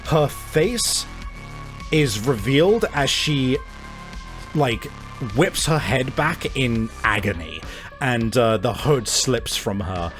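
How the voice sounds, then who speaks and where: A man narrates a tabletop game as its game master, casual and full of swearing and fillers. He talks slowly. His pitch swings widely as he describes the action.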